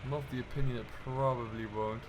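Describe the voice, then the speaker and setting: Here the British host talks fast at a medium pitch with fairly even intonation, playing a farm contractor in a farming game. It's casual commentary, full of chat and thinking out loud as he gets on with the job, over clearly audible vehicle and background noise.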